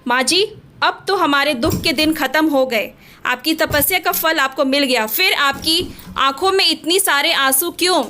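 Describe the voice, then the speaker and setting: A woman's voice: high-pitched, normal speed, sharp tone, a little hiss or hum. A woman voicing a young daughter-in-law who becomes a proud officer, speaking with strong emotion. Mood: grateful. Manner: emotional, pleading at times.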